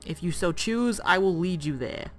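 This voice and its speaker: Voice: mid-range voice, animated, moderate pace, a bit bright, faint music behind, natural voice. A gamer reading a rebel recruiter's lines aloud in a put-on New York accent, stumbling over some words. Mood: rallying. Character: earnest rebel recruiter addressing half-breeds. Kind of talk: reading game dialogue aloud.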